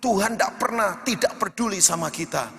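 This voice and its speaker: A male pastor preaching an animated sermon in a church hall, swinging between shouts and hushed storytelling. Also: high-pitched, fairly quick, soft background music. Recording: long hall reverb.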